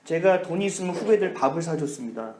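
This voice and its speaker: Brief: male Korean-church pastor, sermon storytelling, somewhat high-pitched, roomy hall reverb. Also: fast, slight background noise. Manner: animated storytelling, whispers inner thoughts. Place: church sanctuary.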